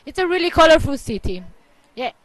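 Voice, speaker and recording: A woman's voice: high voice, big pitch swings, fairly quick, rough recording. A young woman from the Basque Country in Spain, answering interview questions casually on a handheld mic indoors. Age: young adult. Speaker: staff member interviewed. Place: indoor hostel reception.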